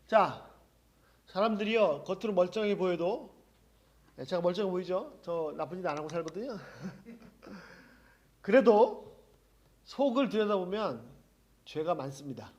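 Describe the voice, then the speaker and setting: A man preaching a sermon as pastor, lively, with laughing asides and acted quotes. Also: sits high, unhurried, long pauses, slightly rough, muffled recording.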